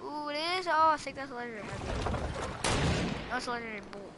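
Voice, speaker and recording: A woman giving casual, excitable and silly commentary while playing a video game. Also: fairly high pitch, fast talker, heavy background noise. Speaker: gaming channel host. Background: game music.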